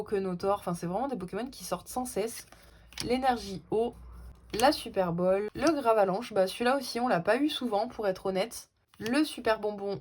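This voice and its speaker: Chatty woman opening card packs. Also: a little high. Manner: chatty, hesitant, with frequent fillers. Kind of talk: casual card-opening commentary.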